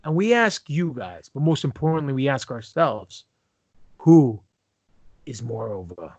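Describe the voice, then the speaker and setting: A man's voice: medium pitch, very animated, unhurried, darkish tone, dry recording, highs cut off. A man hosting a casual fan podcast, introducing segments in a playful, showman-like way. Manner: playful, showman-like, explaining wrestling lingo. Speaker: podcast host. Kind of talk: casual chat.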